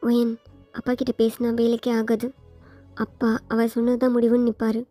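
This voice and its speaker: A woman voicing a caring older sister who reasons gently and persuasively, in a storybook fan fiction reading. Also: on the high side, completely flat delivery, normal speed, soft background music, close to an everyday voice.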